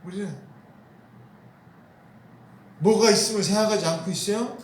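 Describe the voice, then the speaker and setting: Male pastor, high voice, rhetorical questions, repeats key words, echoey church room. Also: moderate pace, slight background noise. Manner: asks the congregation questions and answers them himself; repeats key phrases for emphasis. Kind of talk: sermon. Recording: roomy echo.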